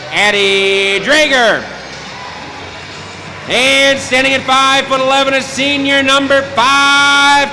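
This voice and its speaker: A man working as a public address announcer, calling starting lineups like a stadium announcer, echoing through a gym. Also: sits high. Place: indoor basketball gym over PA. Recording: echoing gym PA, loud crowd noise.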